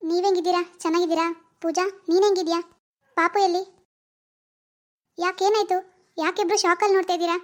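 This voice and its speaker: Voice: very high-pitched, little pitch movement, brisk, pauses often. A voice actor doing a grieving young wife. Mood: bitter. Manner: weary, bitter and self-pitying. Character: grieving young wife who lost her baby.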